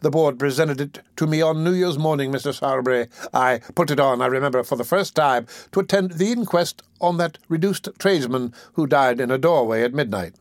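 A pompous, puffed-up parish beadle, as a male reader voices him in a storybook reading. He speaks with blustering self-importance in a middling man's pitch. The recording is dry and close. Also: brisk, few pauses, dry recording, close to an everyday voice. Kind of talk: audiobook character reading.

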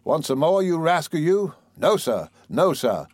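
A man's voice: a little high, big pitch swings, measured pace, a little mellow, no room sound, pitched above the performer's own voice. A man reciting as a folksy old storyteller with a drawl. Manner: fond, scolding, folksy drawl. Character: old storyteller coaxing a fussy child. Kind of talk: dialect poem recitation.

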